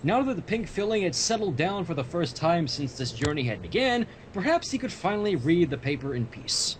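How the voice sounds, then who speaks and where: A very animated man, speaking a little fast, reads a story aloud during his livestream and keeps interrupting himself with jokes. It's fan fiction, and the stream audio is noisy with a low rumble.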